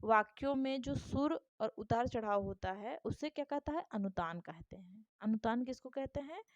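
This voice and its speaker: A woman's voice: on the high side, animated, normal speed, dry recording. A woman teacher gives an exam-prep lesson, reading questions aloud and explaining step by step while checking that students follow. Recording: dull, lo-fi dry recording.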